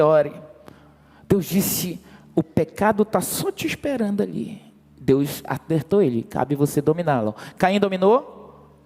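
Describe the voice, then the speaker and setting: Brief: male pastor, high and emphatic, working the crowd, long church reverb around him. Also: darkish tone. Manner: emphatic, calls on the congregation to respond. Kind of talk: sermon.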